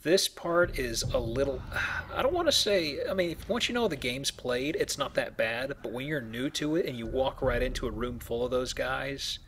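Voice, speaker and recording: Playing through a video game for a let's play, a man offers casual, wry commentary with a medium-pitched, slightly bright voice. His intonation is lively, his speed normal, and he rarely pauses. Game ambience sits behind him along with faint noise.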